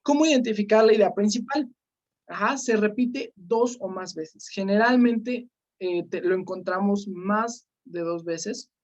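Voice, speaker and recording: A woman teaching an online class, calling on students by name and filling pauses with "este" and "eh". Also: medium pitch, darkish tone. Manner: questioning students by name, many fillers. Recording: slightly dull lo-fi sound.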